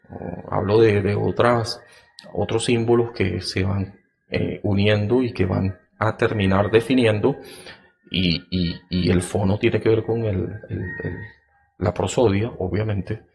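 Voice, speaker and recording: A man hosting a podcast, explaining a topic slowly and deliberately, with many fillers and restarts. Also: fairly even intonation, creaky, a little mellow. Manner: acts out example phrases in a raised, sing-song pitch. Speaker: podcast host.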